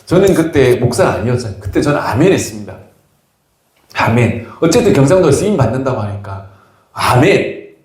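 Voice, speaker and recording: A male pastor delivers a sermon in a church sanctuary, his pitch swinging widely as he tells teasing, humorous stories. His voice is mellow and dark, and it rings through a very echoey hall. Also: big pitch swings, moderate pace. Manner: humorous anecdotal storytelling, teasing the congregation.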